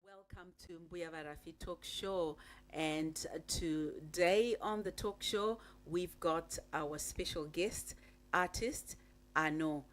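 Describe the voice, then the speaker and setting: A woman hosting a talk show, introducing and questioning her guest with frequent pauses and fillers. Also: on the low side. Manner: slow, halting, with many uh fillers. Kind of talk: radio talk show interview.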